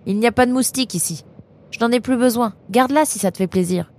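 A woman's voice: fairly high pitch, fast talker, darkish tone, pitched above the performer's own voice. A woman voicing a cheerful, teasing young male animal traveler in a storybook reading, talking playfully and chattily.

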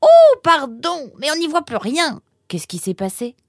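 A woman voicing a calm, polite male forest animal in a storybook, speaking evenly and kindly. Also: on the low side, normal speed, no room sound, studio quality. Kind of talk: storybook character voice.

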